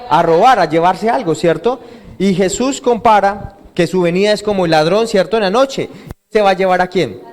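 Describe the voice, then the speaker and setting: A man's voice: high voice, moderate pace, darkish tone. A male pastor preaching an interactive sermon, asking his congregation questions and having them call out and repeat the answers. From Colombia. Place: church hall.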